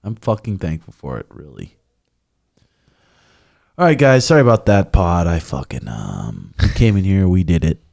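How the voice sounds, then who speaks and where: A young man hosts a casual podcast in a lowish voice, laid-back and crude, swearing as he talks. The sound is dry and close. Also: big pitch swings, normal speed, creaky, pauses often, a little mellow, dry recording. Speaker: podcast host.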